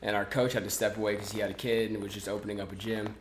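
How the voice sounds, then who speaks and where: A relaxed podcast guest, a man in his twenties, talks very fast in a lowish voice, with plenty of fillers and restarts. It's casual interview talk. The room sounds open, and there's a faint hiss or hum.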